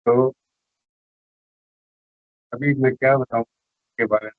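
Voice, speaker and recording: Brief: man from Rajasthan, chatty fan guest, mid pitch, dry lo-fi recording. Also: steady tone, slow pace, dry recording. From Rajasthan, India. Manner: eager fan, slips into film star impressions. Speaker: interview guest, celebrity lookalike fan. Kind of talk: casual interview chat.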